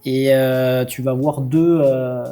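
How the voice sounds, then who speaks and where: A man's voice: medium pitch, steady tone, takes it slowly, mellow, soft background music. A man interviewing a guest informally, checking facts and prompting with short replies. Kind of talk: casual interview questions.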